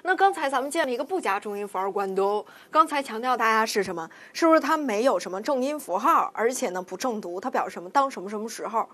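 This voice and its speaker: Lively high-voiced woman teaching. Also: fast talker, hardly any pauses. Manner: rhetorical questions, checks understanding often. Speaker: Spanish teacher. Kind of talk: classroom lecture.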